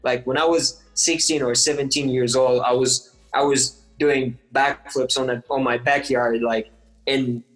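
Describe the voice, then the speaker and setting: A man's voice: medium pitch, steady tone, a little slow, a bit bright, poor audio. Eager young man telling stories. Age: 20s. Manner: eager storytelling, full of likes and restarts. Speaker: guest athlete. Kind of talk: casual interview chat.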